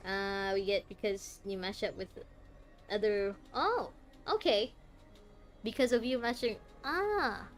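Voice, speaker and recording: A young woman streaming a game, chatting to viewers with lots of laughter and excited reactions. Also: medium pitch, slow, faint music behind. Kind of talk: live gameplay commentary.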